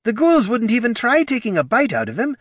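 A man's voice: very high voice, wildly swooping pitch, a little fast, voice pushed up, full character voice. A man voicing a nervous, fumbling spectral woman who apologizes and hedges as she delivers bad news. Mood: flustered.

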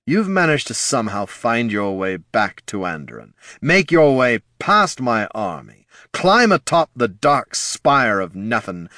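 A contemptuous undead sorcerer drawls his disappointment in slow, weary phrases, as a male narrator puts him on. The voice rides a little higher than the reader's own low register. It is recorded close and dry. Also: a bit bright, no echo, heavily acted. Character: exasperated scornful undead sorcerer father. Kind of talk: audiobook character voice.

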